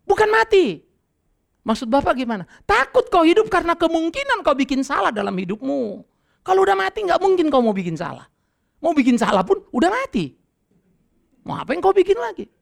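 A middle-aged man preaching a sermon as pastor, lively and conversational, acting out quoted dialogue and laughing with his listeners. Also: very high-pitched, brisk, gravelly. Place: church.

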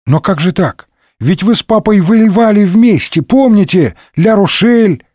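A gormless, sniffly young man chattering eagerly in a high, bouncy voice, as a male narrator puts him on. The storybook reading is dry and close, with no room sound. It is comic audiobook character work. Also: animated, measured pace, a little mellow, no echo. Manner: eager, dim-witted chatter.

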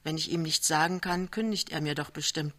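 A woman reading aloud who voices a worried, mild-mannered young clerk, speaking hesitantly and gently. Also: low-pitched, brisk. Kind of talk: literary reading on radio.

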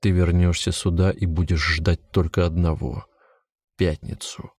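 A man voicing the slow, ominous voice of fear in a nightmare. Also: low voice, level tone, a little mellow, breathy edge, no echo, clean studio sound, pitched below the performer's own voice. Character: menacing voice of fear itself, male.

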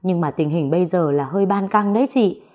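A woman's voice: lowish voice, a little fast, warm tone, lightly acted. A woman voicing a worried young man warning his sister-in-law over the phone in a story reading. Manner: urgent, warning.

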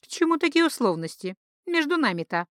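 A woman's voice: high-pitched, big pitch swings, fairly quick, fairly bright tone, dry recording, clean studio sound, pitched above the performer's own voice. A woman reading a mad blind priestess in an audiobook, a flirtatious, erratic woman who swings between coy teasing and shrieked prophecy. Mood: coy, dreamy.

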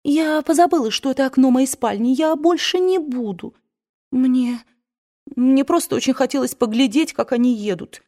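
A woman's voice: high-pitched, moderate pace, mellow, voice pushed up. A woman voicing a wilful young widow who pleads and sobs, in an audiobook. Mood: pleading. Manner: pleading, sobbing, petulant.

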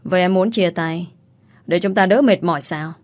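A woman's voice: lowish voice, normal speed, darkish tone, close to an everyday voice. A woman voicing a proud, irritable young husband who answers curtly and defensively. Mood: irritated.

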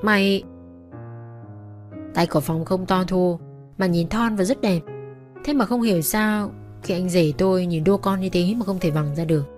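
Woman, story narrator, bitter and resentful, fairly low voice, faint music underneath. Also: normal speed, darkish tone. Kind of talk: scripted first-person story narration.

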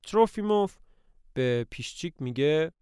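Smooth-voiced male narrator. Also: a little high, lively intonation, warm tone, dry recording, clean studio sound. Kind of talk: storytelling a play summary.

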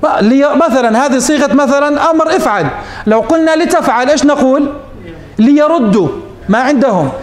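A man's voice: very high voice, fast, roomy sound. A man teaching morphology as a sheikh, posing questions to his students and answering them himself. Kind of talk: classroom lesson.

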